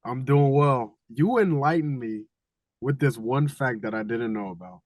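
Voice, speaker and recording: A man's voice: mid-range voice, animated, unhurried, a little mellow, slight background noise. A man hosting an interview podcast, opening the show in an upbeat, promo-style way. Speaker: podcast host.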